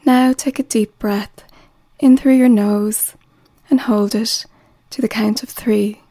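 Woman, relaxation guide: slow soothing delivery with whispered phrases, mellow and steady in pitch. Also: no room sound.

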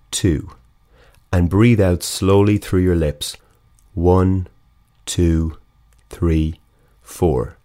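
A man leading a guided breathing exercise, talking in a slow, calm, measured way and counting breaths aloud. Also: deep voice. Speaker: breathing instructor.

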